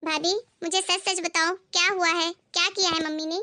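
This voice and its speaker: A woman's voice: very high voice, little pitch movement, moderate pace, bright, forceful tone, dry recording. A woman voicing a kind young married woman who talks with concerned insistence in a cartoon story. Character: kind caring young married sister-in-law.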